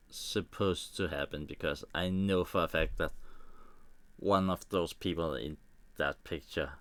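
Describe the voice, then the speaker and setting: Speaking into a desk microphone with no echo, a deep-voiced, slightly bright Danish man walks viewers through a photo edit on a live stream. English isn't his first language, so he thinks aloud haltingly in a Danish accent, making small grammar slips.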